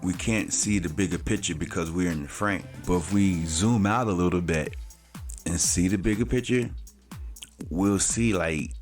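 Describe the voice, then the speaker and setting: A vlog host in his late forties talks at normal speed in a low-pitched voice, soft music playing in the background. His manner is casual and slangy, heavy with fillers like "you know" and free swearing.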